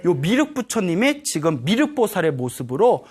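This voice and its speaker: A man preaching as a Buddhist monk, telling a story to a live audience. His voice sits high and swings up and down a great deal. He keeps checking in with his listeners through short, quick questions. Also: husky. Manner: animated storytelling, prodding the audience with "예?". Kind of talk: dharma talk to a live audience.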